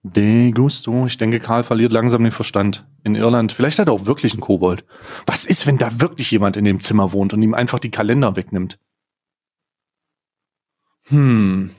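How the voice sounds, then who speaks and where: Husky, excitable man chatting. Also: on the low side, moderate pace. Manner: excitable, laughs a lot, scatterbrained. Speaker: podcast host. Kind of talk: casual chat, unboxing an advent calendar.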